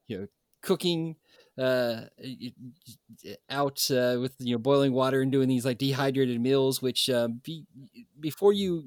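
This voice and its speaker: Podcast co-host, man, chatty and jokey, mid pitch, dry close sound. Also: no room sound. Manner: animated, joking, chatty storyteller. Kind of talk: casual chat.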